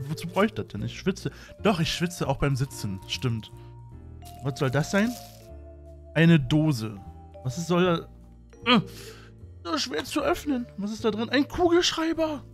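A man chatting in a casual vlog at home, playful and rambling with lots of fillers. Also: sits high. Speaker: YouTuber. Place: room at home with a fan.

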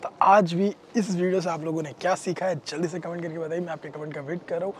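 Fast-talking man closing a video. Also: on the high side, steady tone, slight background noise. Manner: friendly, upbeat, direct to viewers. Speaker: channel host. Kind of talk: video outro address to viewers.

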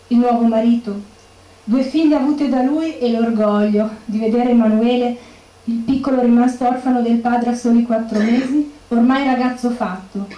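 A woman's voice: on the high side, mellow, close to an everyday voice. An actress playing the grieving widow of a murdered policeman, bitter and accusing, in a stage monologue. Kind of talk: theatrical monologue. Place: bookshop stage. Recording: echoey room.

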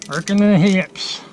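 A man with a fairly high but mellow voice, speaking slowly in short bursts as he climbs a rock face. The sound comes from a helmet camera outdoors with a faint hiss of wind and woods behind. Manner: breathy, calls out clips between moves. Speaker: climber filming himself. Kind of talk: casual talk while climbing. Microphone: helmet-mounted action camera.

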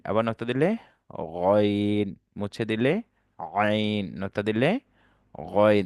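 A man teaching an online Quran lesson, slowly drawing out Arabic letter sounds and asking his class questions. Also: mid-range voice, dry recording, studio quality. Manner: drawn-out, stressed letter sounds for learners to copy; patient, repeats and asks questions to the class.

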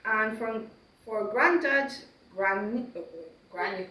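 A woman's voice: a little high, takes it slowly. Young Polish-born woman, distant roomy sound. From Poland. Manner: relaxed, talkative, light laughs. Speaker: guest, student. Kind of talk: casual interview chat. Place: room with a table and flowers.

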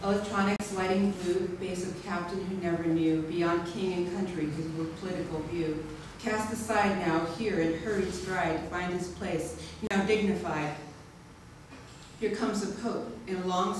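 A woman's voice: lowish voice, steady tone. Woman reciting poetry in an echoey room. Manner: measured, rhythmic recitation. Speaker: open mic poet. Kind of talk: reciting a rhyming poem from a page. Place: small lounge venue stage, indoors. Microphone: stand mic, filmed by a far camera. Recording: echoey room, distant mic, background noise.

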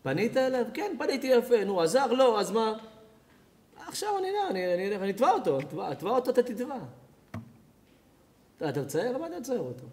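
A rabbi giving a Torah lecture, acting out characters in dialogue and laughing often. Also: male voice, extremely high pitch, big pitch swings, pauses often, a little mellow. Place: community evening lecture.

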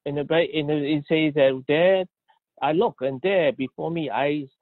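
A man with a slightly high voice interprets a sermon phrase by phrase, stumbling, repeating words and restarting mid-sentence. His voice comes through a tinny, phone-like connection with a dry sound and no room echo. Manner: halting, with many restarts and cut-off words. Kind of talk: live consecutive interpretation.

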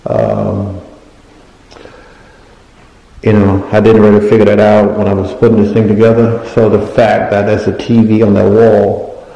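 Lowish, monotone, and gravelly, this dark-voiced man speaks a little slowly and pauses often. A home renovation vlogger, he carries his phone camera through an unfinished indoor basement with bare drywall, rambling and searching for words as he points things out, in echoey, dull, lo-fi sound.

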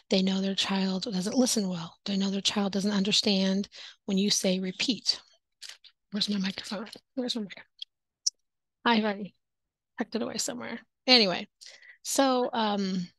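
A woman's voice: mid-range voice, fairly even intonation, normal speed, pauses often, a bit bright, rough recording. A native English-speaking woman who teaches English online, chatting casually to camera with tips. She acts out classroom exchanges and sometimes drops into whispered asides.

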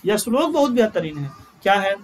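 Male online tutor, high-pitched, joking asides to viewers, stretches vowels when chanting. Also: sing-song, a little fast, husky. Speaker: teacher. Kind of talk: live online Sanskrit grammar class.

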